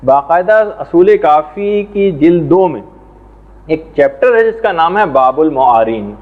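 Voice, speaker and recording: A man teaching a religious lesson in a measured, explanatory way, now and then reciting Arabic prayers and verses. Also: fairly high pitch, expressive. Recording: tinny phone-like sound.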